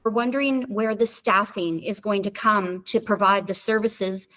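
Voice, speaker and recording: A woman spokesperson talks earnestly in a news interview. She pauses on fillers and repeats words now and then. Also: medium pitch, a bit bright, rough recording.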